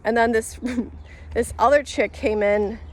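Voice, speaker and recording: A vlogger tells a story to camera in a slightly high, somewhat mellow voice at a measured pace. She's a woman speaking casually and ramblingly, full of fillers, restarts and self-corrections, and she laughs throughout the telling.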